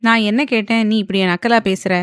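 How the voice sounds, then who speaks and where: A woman's voice: medium pitch, steady tone, fairly quick, a bit bright, clean tone, no room sound, lightly acted. Cheeky sassy wife from an audio romance, sarcastic, dry mic, woman voicing her. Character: sassy, playful young wife.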